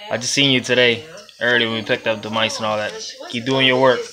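Holding his phone close at arm's length, a young Puerto Rican-accented reptile breeder vlogs a loose, rambling tutorial from an indoor room stacked with storage tubs. He talks fast in a flat, medium-pitched voice, laughing and cursing, while a crowd is heard in the background.

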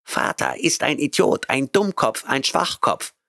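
A man voicing a crazed three-legged parrot-cat creature in a high, squawking, jittery voice for an audiobook. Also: big pitch swings, measured pace, creaky, fairly bright tone, no echo, clean studio sound, full character voice. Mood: frightened.

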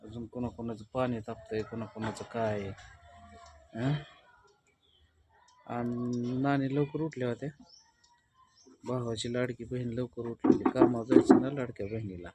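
A man's voice: medium pitch, level tone, normal speed, long pauses, noisy background. A man, chatting casually and teasingly in a village vlog, recorded outdoors at home in the early morning. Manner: chatty, teasing, rustic Marathi. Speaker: village vlogger.

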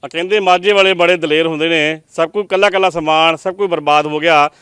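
A man's voice: on the high side, fairly even intonation, fairly quick, fairly bright tone, clean tone, no room sound, studio quality. A man from Punjab reporting from a flood-hit home, speaking in an emotional, consoling and sympathetic way. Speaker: field reporter.

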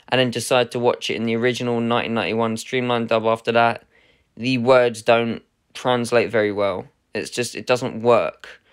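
A man's voice: medium pitch, clean tone. A man hosting his own unboxing video, talking in a casual, rambling way with lots of hesitations and self-corrections. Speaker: channel host unboxing a film collector's edition.

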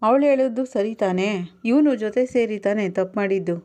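A woman's voice: medium pitch, a little fast, natural voice. A woman voicing a stern middle-aged mother-in-law who talks sharply and bossily. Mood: scolding. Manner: sharp and bossy.

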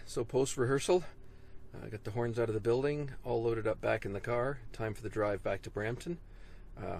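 A man in his fifties, a woodwind doubler, films a casual vlog from his car and a rehearsal hall on a handheld camera held at arm's length. He's chatty, with many "uh" fillers. His voice sits lowish with vocal fry and a darkish tone, plus slight background noise.

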